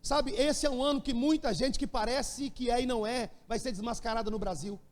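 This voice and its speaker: A Brazilian man preaching in a church, with a strikingly high voice for a man. His sermon is animated and full of humorous stories. The sound carries a long hall reverb. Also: a little fast. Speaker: pastor.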